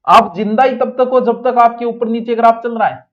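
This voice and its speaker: A man teaching an exam coaching class in a lively, joking way, often moving between loud and soft speech. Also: extremely high pitch, normal speed, lo-fi sound.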